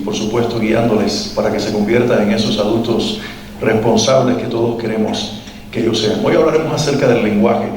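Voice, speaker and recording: Speaking at a parenting workshop, a man from Cuba addresses a live parent audience in Cuban-accented Spanish, earnest and reflective, asking them questions as he goes. His voice is mid-range and a little mellow. It's captured by a distant mic in an echoey hall, with slight background noise.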